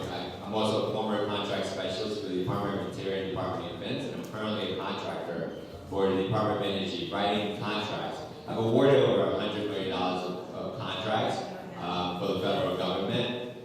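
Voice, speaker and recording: A young man from Washington DC introducing himself as a candidate at a forum, earnest and halting with fillers. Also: low voice. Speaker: political candidate. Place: community center hall. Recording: echoey hall, from far off.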